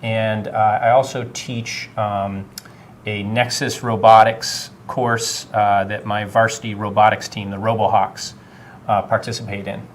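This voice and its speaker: A middle-aged man from Vermont, a high school technology teacher, answering interview questions casually with many filler sounds. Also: flat delivery, measured pace, a little hiss or hum. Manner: friendly, many filler uhs.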